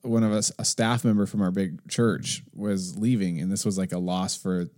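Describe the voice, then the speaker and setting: A man's voice: low voice, steady tone, normal speed, darkish tone. A man co-hosting a casual talk show, ranting animatedly and acting out what other people say. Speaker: podcast co-host. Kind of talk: casual conversation.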